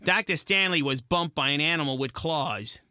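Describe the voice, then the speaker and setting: A man's voice: fairly high pitch, normal speed, bright, forceful tone, dry recording, studio quality. A man playing a hot-tempered, wisecracking penguin private eye, narrating in clipped gumshoe slang for a noir radio play. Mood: accusing. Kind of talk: noir narration, 1940s radio detective acting.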